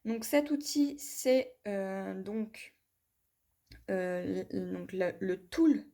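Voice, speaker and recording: A woman with a mid-range, expressive voice, a dark tone, vocal fry and drawn-out words reviews a craft tool in a hands-on demonstration. Chatty throughout, she leads viewers through each step with frequent "voilà" and "hop" and apologizes for her English pronunciation.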